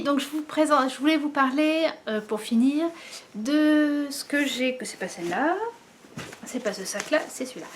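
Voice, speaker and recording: A woman hosts a knitting video from her home, talking in a relaxed, halting way full of fillers and pauses. Her voice sits a little high. A faint hiss runs underneath. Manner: hesitant, many pauses and fillers. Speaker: knitting podcast host. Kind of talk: casual chat to camera.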